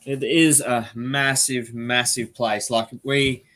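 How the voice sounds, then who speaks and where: An Australian man hosts a relaxed live stream, talking in a bright, lively voice. He rambles freely and breaks into quick bursts of speech. His pitch sits in an ordinary middle range. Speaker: host. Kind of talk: casual live-stream chat.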